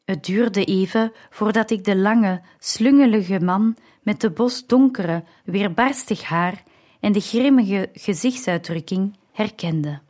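Een vrouw die een verhaal in de ik-vorm voorleest als luisterboek, afgemeten en gelijkmatig. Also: female voice, medium pitch, darkish tone. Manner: slow, measured reading. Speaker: audiobook narrator. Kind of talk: scripted narration.

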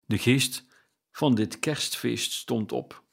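A man narrates a storybook at an unhurried, deliberate pace, his voice sitting at an ordinary middle pitch. The reading is measured and calm. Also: vocal fry, slightly rough. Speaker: audiobook narrator.

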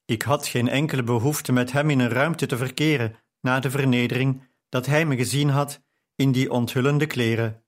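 A man narrating an audiobook in a calm, measured storytelling manner. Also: mid-range voice. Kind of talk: scripted narration.

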